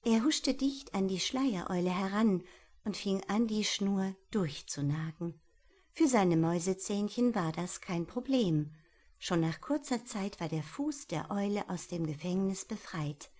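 A woman reads a children's story aloud at an unhurried, slow pace. Her delivery is calm and measured, with soft expression, and her pitch sits at an everyday middle level. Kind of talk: scripted storybook narration.

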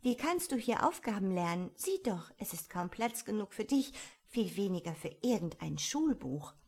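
A woman voicing the young girl Alice, talking to herself in a lively, wondering way. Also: medium pitch, moderate pace, husky. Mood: self-scolding. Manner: lively, wondering self-talk.

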